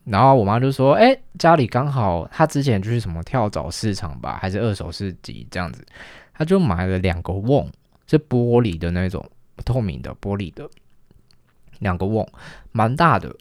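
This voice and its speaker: A young man telling a casual, lively story, acting out the lines of the people in it. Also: lowish voice, moderate pace, no room sound, clean studio sound. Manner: chatty, animated retelling with quoted dialogue.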